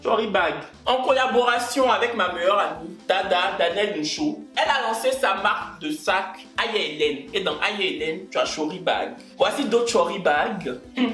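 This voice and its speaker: A young Ivorian man with a fairly high voice who talks in an animated, showy way, teasing his viewers and hammering his phrases home. He films himself at home on a camera mic. The room gives his voice a noticeable echo. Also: normal speed, few pauses, soft background music. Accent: Ivorian French. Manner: animated, theatrical, teasing, repeats phrases for effect. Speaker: vlogger. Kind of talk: comic self-promoting vlog rant.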